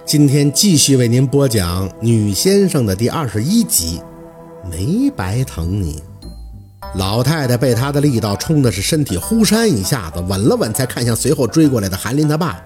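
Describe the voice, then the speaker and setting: Male narrator, expressive serial reading, soft background music. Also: medium pitch, normal speed. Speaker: storyteller.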